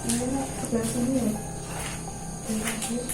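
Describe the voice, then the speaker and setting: A woman's voice: on the high side, little pitch movement, normal speed, loud music behind the voice, low-quality recording. A woman hosting a casual night exploration vlog, speaking in a nervous, hesitant way and often repeating her words. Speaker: vlog host exploring empty houses.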